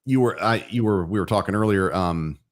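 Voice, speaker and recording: A man's voice: deep voice, a little fast, slight background noise. A man co-hosting a casual drinks chat, easygoing and rambling, with many restarts. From Florida. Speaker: co-host.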